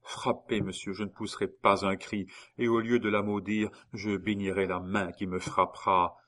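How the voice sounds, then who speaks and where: A man's voice: lowish voice, little pitch movement, normal speed, fairly bright tone, natural voice. A man reading an audiobook and voicing a guilt-ridden young woman who murmurs and begs in despair. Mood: pleading.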